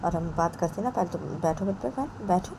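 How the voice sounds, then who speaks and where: A woman voicing a gentle partner who coaxes and calms the others in the family. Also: fairly low pitch, brisk, gravelly, background noise. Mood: coaxing. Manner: coaxing, soothing. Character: soft-spoken gentle partner, placating.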